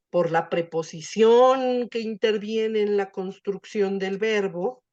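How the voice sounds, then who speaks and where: A woman's voice: lowish voice, darkish tone, muffled recording. Patient woman teaching Latin. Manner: patient, explanatory, many fillers. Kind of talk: online grammar class.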